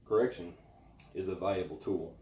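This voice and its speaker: Deep voiced guy doing a pensive bible devotional, pauses a lot, recorded a bit far off in an echoey space. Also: fairly even intonation, darkish tone. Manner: slow, pensive delivery with long pauses. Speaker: devotional host. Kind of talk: informal devotional talk, scripture reading and reflection. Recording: roomy, distant mic with faint noise.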